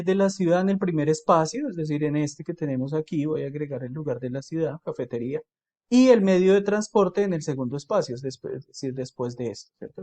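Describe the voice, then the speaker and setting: A male teacher explains an English worksheet step by step. He often checks with "¿cierto?" and slows down to model English phrases. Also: fairly high pitch, warm tone. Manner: explains patiently, with frequent checks like "¿cierto?" and "¿listo?". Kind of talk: video tutorial lesson.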